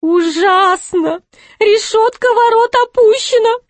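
Jester, shrill and panicky, high-pitched, voiced by a woman reader. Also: takes it slowly, dry recording. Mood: wailing. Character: jester, excitable man.

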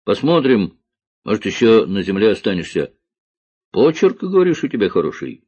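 A man voicing a stern one-armed army officer who speaks slowly and dryly, in a dull lo-fi recording. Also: on the low side, sing-song, darkish tone, breathy edge, dry recording.

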